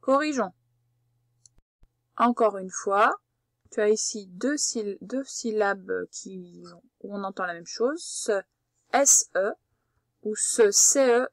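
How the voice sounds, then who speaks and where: A woman teacher giving a patient, slow spelling dictation lesson, spelling out letters one by one. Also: fairly high pitch, no echo, clean studio sound.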